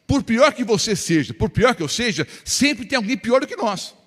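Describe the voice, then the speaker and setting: A man's voice: very high voice, big pitch swings, normal speed, a bit bright, big-room sound. A man preaching a sermon as pastor, emphatic and full of rhetorical questions to the congregation.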